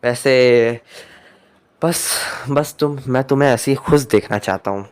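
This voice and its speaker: A smitten young boyfriend, voiced by a man reading his fan story. He sounds affectionate and coaxing. His pitch stays near his everyday voice. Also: unhurried, a little mellow, clean tone, natural voice. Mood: tender. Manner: affectionate, pleading.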